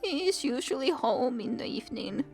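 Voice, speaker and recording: A woman voicing a chatty, grumbling elderly cleaning lady in a video game, weary and ailing, with a breathy, wheezy voice. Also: high voice, sing-song, moderate pace, darkish tone, soft background music, voice pushed up, full character voice. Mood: grudgingly helpful.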